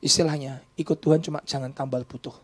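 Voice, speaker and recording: A man preaching a sermon as pastor, swinging from loud declarations to hushed whispers and slipping into casual slang. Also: mid-range voice, steady tone, husky. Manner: uses mixed casual slang and quick English asides. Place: church.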